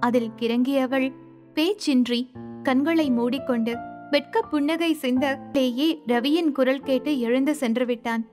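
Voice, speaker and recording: A woman narrating an audiobook in a smooth, even storytelling voice. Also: high voice, a little slow. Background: background music.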